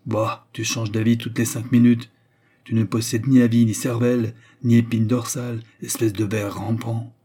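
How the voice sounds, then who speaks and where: A man's voice: mid-range voice, moderate pace, slightly rough, lightly acted. A man voicing a domineering older man who berates and threatens his brother, in a storybook reading. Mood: mocking. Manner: threatening, forceful.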